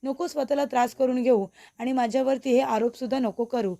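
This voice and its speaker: A woman's voice: high-pitched, fairly even intonation, brisk, creaky, mellow, dry recording. A woman voicing a scheming mother-in-law who pleads sweetly and plays innocent. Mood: pleading. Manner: pleading, sugary.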